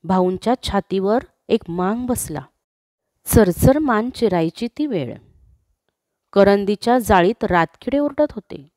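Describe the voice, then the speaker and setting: A woman narrating a classic story in a slow, expressive reading. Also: mid-range voice, no echo, studio quality.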